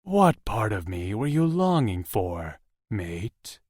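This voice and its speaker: A man doing a husky, gruff werewolf lover. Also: very animated, slow pace, no room sound, studio quality, heavily acted. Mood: tender, gruff. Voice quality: husky, low and soft. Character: big protective male werewolf, gruff and tender.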